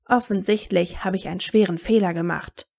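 A woman voicing a cold, stern male wizard teacher who speaks in a cutting, measured, hissing way. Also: fairly low pitch, steady tone, vocal fry, darkish tone. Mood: stern warning.

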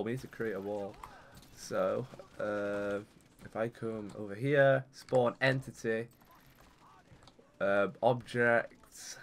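A man's voice: lowish voice, a little hiss or hum. A young man giving casual, rambling commentary while playing a video game. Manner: chatty, rambling, excitable when things go wrong. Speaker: gaming YouTuber.

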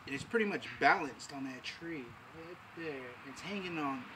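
A man narrating his own tree cutting on his phone camera outdoors, talking casually and haltingly with many fillers. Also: fairly high pitch, a crowd in the background, low-quality recording. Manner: rambling, hesitant, with many fillers. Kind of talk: casual self-filmed narration. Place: outdoors by trees and power lines. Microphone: phone camera held by the speaker. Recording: loud outdoor noise.

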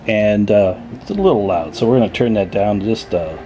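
Over a very noisy recording, a man with a lowish voice speaks at a moderate pace. He's a radio repair hobbyist and video host giving a casual, step-by-step tutorial from his indoor workbench.

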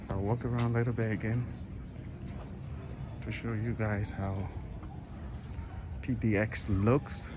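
A middle-aged man narrating a casual walking vlog in a rambling, repetitive way into a handheld phone. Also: medium pitch. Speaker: travel vlogger. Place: large indoor airport terminal. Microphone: phone held at arm's length. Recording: noisy airport terminal ambience. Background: clear terminal ambience noise.

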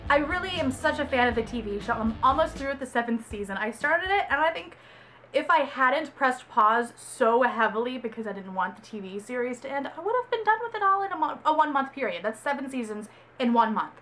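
Young woman, from Texas, higher pitch, casual book vlog, rambling, self-correcting. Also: big pitch swings, fairly quick, fairly bright tone, faint music behind. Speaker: book reviewer.

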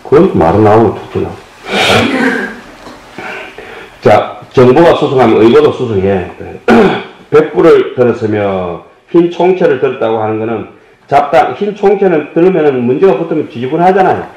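A man's voice: mid-range voice, expressive, fairly quick, mellow. A man giving a Buddhist dharma lecture, explaining terms and asking his listeners questions with folksy humor. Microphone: table microphone. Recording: dull echoey hall audio.

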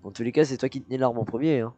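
A man's voice: mid-range voice, fairly even intonation, rapid-fire, mellow, faint music behind, close to an everyday voice. A man voicing a scheming youtuber in a Minecraft role-play, bossing and threatening in casual slang. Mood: smug. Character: scheming male youtuber framing a friend.

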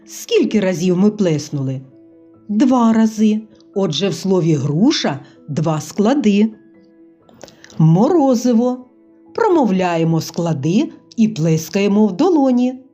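A woman teaching a scripted phonics lesson to young children, speaking slowly and patiently. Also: medium pitch, sing-song, mellow. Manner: slow, patient, sing-song teaching to small children. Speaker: kindergarten teacher. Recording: dull lo-fi recording with faint music.

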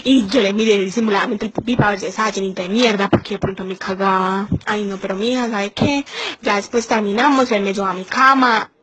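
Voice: mid-range voice, fairly even intonation, fast talker, noisy background, lightly acted. A performer playing a crude, chatty young Colombian woman with a Paisa accent, confiding a story with dramatic exclamations in a comic monologue. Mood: gossiping.

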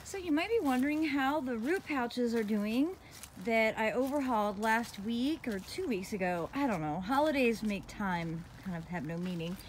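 A woman's voice: on the high side, slight background noise. A woman chatting casually and laughing easily as she walks through her outdoor garden, filming on a phone. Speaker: gardening vlogger.

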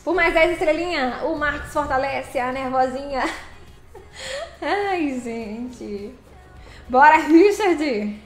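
A woman's voice: sits high, lively intonation, slow pace, roomy sound. A woman live-streaming a truck game, chatting casually, laughing often and greeting viewers by name.

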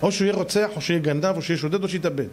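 A man, a rabbi, giving an animated sermon and acting out the voices of people in his stories. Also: fairly high pitch, faint music behind.

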